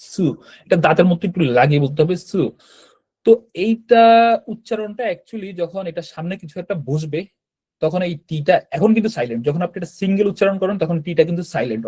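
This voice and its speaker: A man with a Bangladeshi Bengali accent and a slightly mellow, somewhat high voice teaches a beginner online language class. He explains step by step and keeps checking in with students with a frequent "right?" The recording quality is low.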